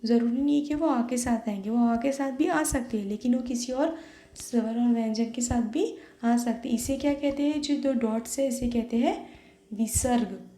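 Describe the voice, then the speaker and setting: With a slightly high, mellow voice at a normal pace, a young adult woman leads an online lesson for young kids in an echoey room. She goes step by step, says "okay" after each point, and frequently drops English words into her speech.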